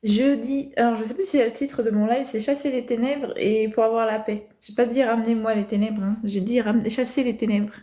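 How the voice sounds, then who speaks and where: A woman hosting a casual livestream, answering viewers' comments calmly and hesitating with many fillers. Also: fairly high pitch, fairly quick, hardly any pauses. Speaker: livestream host.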